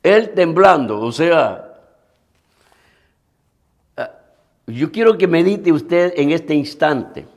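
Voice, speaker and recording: Gravelly, animated male pastor preaching. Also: fairly high pitch. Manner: earnest preaching, addressing listeners directly, repeats phrases with halting restarts. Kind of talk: sermon.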